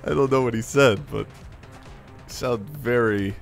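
A man's voice: medium pitch, a little slow, vocal fry. A man at a desk mic, chatting casually and laughing often as he plays a strategy game. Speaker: gaming channel host. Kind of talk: casual let's-play commentary. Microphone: desk mic on a stand. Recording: game music behind.

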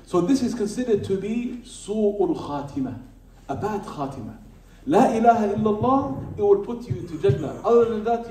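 A man's voice: a little high, warm tone, a little hiss or hum. A man giving an Islamic lecture to a live audience, emphatic, repeating key phrases and asking rhetorical questions. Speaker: Islamic teacher. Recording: roomy hall, speaker far from the mic.

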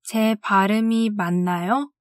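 A woman teaching language, reading classroom phrases slowly and carefully and saying each one twice. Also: medium pitch, fairly even intonation, no echo, studio quality. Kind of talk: scripted phrase drill.

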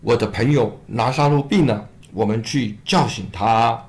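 A man voicing a calm, solemn male teacher in a children's Bible story, in a slightly lower voice. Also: measured pace, natural voice.

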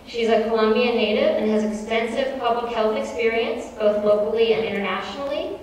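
A woman moderator introduces the next speaker in a clear, formal way, her voice slightly high. She is heard from far off in a large, echoing hall with a faint hum behind her. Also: steady tone, a little fast, a little mellow. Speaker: event moderator.

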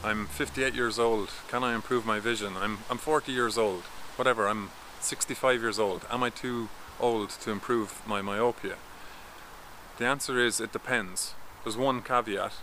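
Filmed at arm's length in a garden, this talking-head vlog features a vision coach in his thirties walking viewers through things step by step. He sounds fairly low and keeps a moderate, steady, instructive pace. The audio is poor, carrying a slight hiss or hum.

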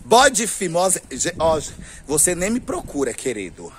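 A man with a Brazilian accent gossips to camera in a high, swooping voice that leaps all over the place. He talks slowly and dramatically, laughing between phrases. Faint traffic noise drifts behind him outdoors. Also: huge pitch swings. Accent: Brazilian Portuguese. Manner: flamboyant, gossipy, laughing often, lots of slang address. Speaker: vlogger. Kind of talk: casual storytelling to camera. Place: outdoors on a street.

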